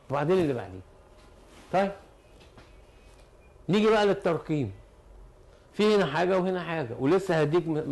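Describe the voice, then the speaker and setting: A man's voice: fairly high pitch, creaky, a little mellow. A man with an Egyptian Arabic accent teaching chemistry, who explains step by step and asks and answers his own questions. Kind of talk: classroom lesson.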